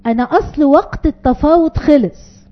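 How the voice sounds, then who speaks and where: With a high voice at normal speed and the highs cut off, an Egyptian Arabic-accented woman delivers a parenting talk to an audience. She acts out brief exchanges between parent and child, stresses her points, and repeats key phrases.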